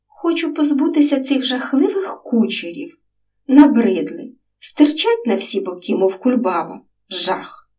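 Storybook girl, voiced by a woman: high, lively, slow-spoken. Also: distant mic. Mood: spirited. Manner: bright, spirited, headstrong. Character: lively curly-haired young girl, truth-loving.

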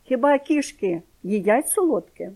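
A woman's voice: a little high, lively intonation, measured pace, a little mellow, voice pushed up. A woman voicing a mocking village aunt who speaks in a sugary, scornful way.

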